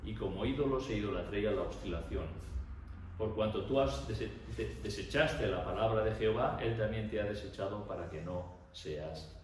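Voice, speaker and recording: A man's voice: fairly low pitch, a little hiss or hum. A man preaching a sermon in a conversational way, asking rhetorical questions and adding tag questions. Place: church hall. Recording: echoey hall, mic far off.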